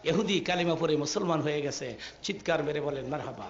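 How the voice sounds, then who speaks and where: A man's voice: fairly high pitch, brisk, heavy background noise. A man preaching a Bengali sermon, acting out the quoted figures, sometimes singing Arabic phrases, and calling on the crowd to respond. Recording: lo-fi echoey recording of a sermon.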